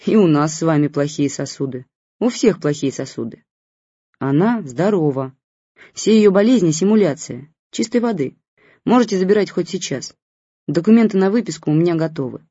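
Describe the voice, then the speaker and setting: Brief: tired blunt lady doctor, read by the narrator, mellow husky voice. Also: medium pitch, animated, normal speed, no room sound, dull audio. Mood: exasperated. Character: blunt weary female doctor, exasperated.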